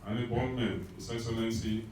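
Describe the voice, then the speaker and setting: A man, a lawmaker, giving a halting, emphatic speech in English mixed with Pidgin at a public event. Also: fairly low pitch, steady tone, darkish tone, a little hiss or hum. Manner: halting and emphatic, with many restarts. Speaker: lawmaker addressing a governor. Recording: very echoey PA sound from far off.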